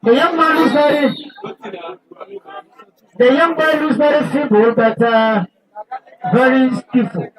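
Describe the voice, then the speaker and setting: A man with a Nigerian accent giving live commentary at a youth football match, announcing slowly and deliberately. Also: very high voice, distant mic, poor audio.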